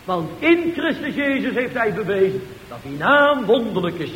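A man preaching a sermon with fervour, asking rhetorical questions and swinging between loud and hushed. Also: sits high, big pitch swings, moderate pace. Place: church. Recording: echoey church hall with faint hiss.

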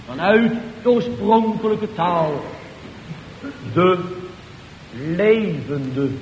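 Male preacher, high pitch, fervent sermon delivery; echoey church recording with hiss. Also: dull audio. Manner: fervent preaching, rhetorical questions, swings between loud and hushed.

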